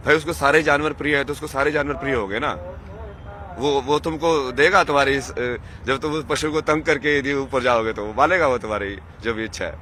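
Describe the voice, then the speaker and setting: Amid the loud chatter of a crowded outdoor religious gathering, a spiritual seeker muses and rambles casually through an interview, slipping English words into what he says. He speaks a little fast, at a medium pitch.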